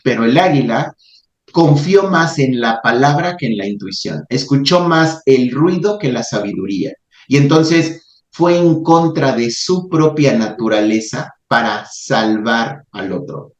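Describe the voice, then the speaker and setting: Man, calm reflective talk, roomy echo, dull sound. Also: medium pitch. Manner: calm, reflective, halting with restarts. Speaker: podcast host. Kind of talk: reflective spiritual talk and storytelling. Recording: roomy, slightly muffled recording.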